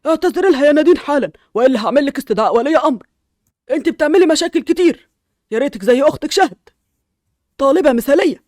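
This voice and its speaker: A woman's voice: high voice, animated, very fast, darkish tone, no echo, clean studio sound. A woman with an Egyptian accent playing a stern male school principal who scolds in an authoritative way.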